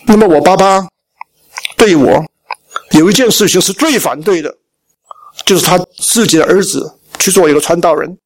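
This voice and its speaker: A man's voice: sits high, moderate pace, long pauses. A middle-aged male pastor from Shandong, telling his life story in a sermon and acting out the family talk. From Shandong, China. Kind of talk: sermon testimony.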